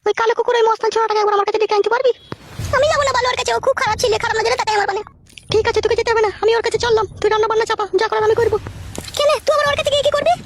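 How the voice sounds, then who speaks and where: A woman voicing village women in a comedy cartoon, shrill, scolding and lamenting. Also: steady tone, racing, a little hiss or hum.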